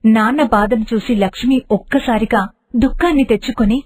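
A woman narrates an animated moral storybook in a steady, expressive manner. Her voice is husky and breathy, pitched a little high. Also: normal speed.

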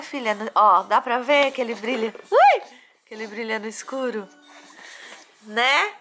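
Chatty bright-voiced Brazilian mom vlogger. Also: female voice, fairly high pitch. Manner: chatty, doting, talks to her baby. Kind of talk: casual home vlog. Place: at home, bedroom.

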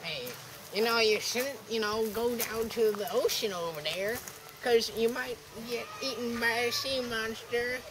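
A woman's voice: a little high, recorded from a distance, close to an everyday voice. A woman playing a worried lakeside business owner who rambles through a warning in an amateur comedy skit. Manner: rambling, pleading. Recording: noisy outdoor home video.

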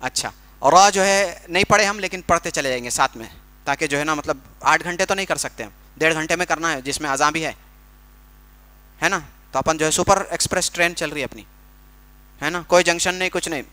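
A man teaching Quran recitation in a workshop, explaining pronunciation patiently with everyday comparisons and slow, drawn-out demonstrations. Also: fairly high pitch, pushed and bright.

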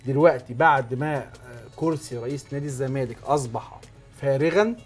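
Egyptian guy hosting a sports talk show, talks really quick, hammers his points home. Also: mid-range voice, faint music behind. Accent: Egyptian Arabic. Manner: emphatic, explaining step by step.

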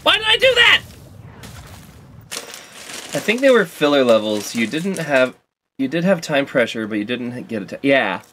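A man's voice: medium pitch, sing-song, normal speed, a little hiss or hum. A man streaming a video game, talking casually through his play with sudden frustrated outbursts and self-mocking jokes. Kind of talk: casual gameplay commentary.

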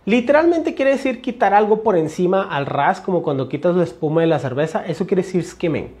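Profesor mexicano explicando fonética. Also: male voice, sits high, a little mellow. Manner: explanatory, repeats examples, addresses class as señores. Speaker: English teacher. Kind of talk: phonetics lesson.

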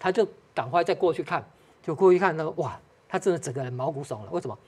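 A studio guest with a Taiwanese accent telling a ghost story on a talk show, talking quickly with many restarts and Hokkien phrases mixed in. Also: mid-range voice, darkish tone, husky. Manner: fast, hesitant, mixes in Hokkien phrases.

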